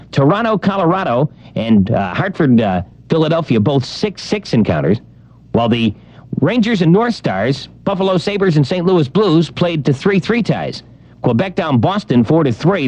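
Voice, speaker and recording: A man's voice: fairly high pitch, darkish tone. A man hosting a morning radio show, joking and rattling off times, weather and scores.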